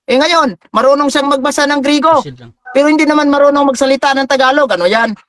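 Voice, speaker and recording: High-pitched man taunting a debate foe. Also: fairly even intonation, fast, fairly bright tone, dry recording. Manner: taunting, mocking the opponent; reads Bible verses aloud. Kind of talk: combative debate rebuttal.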